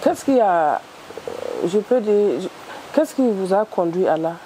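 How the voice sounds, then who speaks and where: A woman's voice: medium pitch, lively intonation, a little slow, mellow, a little hiss or hum, poor audio. A woman interviewer asking polite, searching questions.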